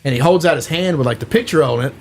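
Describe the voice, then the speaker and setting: A man's voice: on the high side, fast, creaky. A man hosting a casual podcast chat, retelling a film plot in a rambling way, full of fillers, acting out quotes. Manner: rambling, filler-heavy storytelling, acts out quotes. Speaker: podcast host.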